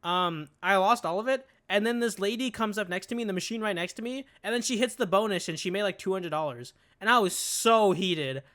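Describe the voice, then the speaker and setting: A young man co-hosting a casual comedy podcast, chatty and full of filler words, quick to get riled. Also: high-pitched, a bit bright. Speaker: podcast co-host. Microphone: podcast microphone.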